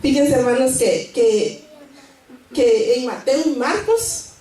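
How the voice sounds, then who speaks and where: A woman gives a church sermon, earnest and a little nervous, stumbling and restarting as she reads scripture aloud. Her voice is mellow and fairly high. She is heard from a distance in a very echoey church hall with faint background noise. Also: animated, slow pace. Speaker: church member giving a sermon. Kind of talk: church sermon with Bible reading. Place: church sanctuary.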